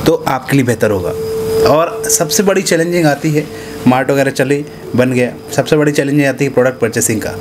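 Man in his thirties, casual business pitch, mid-pitched voice, handheld mic, small office, faint hiss. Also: a little fast. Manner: conversational, repeats "है ना" and "ठीक है" tags. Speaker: business consultant pitching supermarket setup. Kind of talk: casual direct-to-camera pitch. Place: small indoor office room. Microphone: handheld clip mic held near chin.

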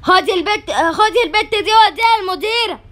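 A woman with an Egyptian Arabic accent voicing a stern female schoolteacher who scolds and gives orders in an animated doll-game story. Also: very high-pitched, fast talker. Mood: scolding. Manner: scolding and commanding. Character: stern adult female schoolteacher, quick to accuse.

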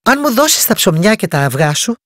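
In a bedtime story, the woman's princess voice, a kind-hearted young girl, sits a bit higher than her narration, gentle and earnest but very animated and urgently pleading. The clean studio recording carries no room sound.

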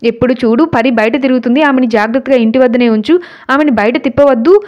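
A nosy village gossip scolding in a told-you-so way, as a woman narrator puts her on. The voice is high in a storybook telling. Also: quick pace, a little mellow, dull audio, natural voice.

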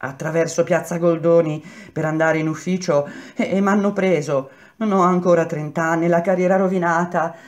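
A woman's voice: lowish voice, steady tone, normal speed, few pauses, darkish tone, close to an everyday voice. A woman voicing a tearful young office clerk complaining of his arrest. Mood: self-pitying. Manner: whining, pleading. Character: tearful young male clerk, self-pitying.

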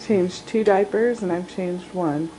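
A woman's voice: fairly low pitch, measured pace, background noise. A woman, a new mother in a hospital room, teasing the baby's father in casual chat. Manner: teasing, dry. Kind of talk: casual home video chat.

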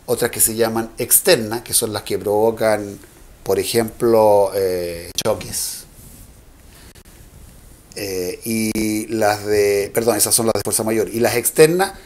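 A man's voice: lowish voice, steady tone, slow, a little mellow. A man, an electricity regulator official, explaining technical matters in an interview with fillers and self-corrections.

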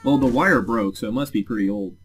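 A young man giving casual, excitable gameplay commentary as a let's play host. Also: medium pitch. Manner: excitable, quick reactions.

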